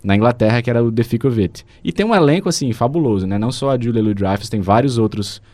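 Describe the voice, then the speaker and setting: A man's voice: mid-range voice, animated, fast talker, a little mellow, dry recording. A Brazilian man with a Brazilian Portuguese accent, co-hosting a casual chat and recommending a series, often restarting his sentences. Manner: hesitant, frequent restarts and fillers. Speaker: show co-host recommending series.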